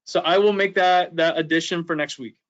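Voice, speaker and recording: A man's voice: fairly high pitch, fairly even intonation, fairly quick, fairly bright tone, highs cut off. A man acting as town administrator, explaining budget documents methodically at a public board meeting.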